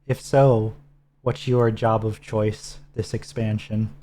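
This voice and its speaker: A man co-hosts a game stream in relaxed, instructive chat. His voice sits dark and mellow, patiently talking a teammate through menus. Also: fairly low pitch, slow, a little hiss or hum. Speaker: streamer co-host. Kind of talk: casual gameplay chat.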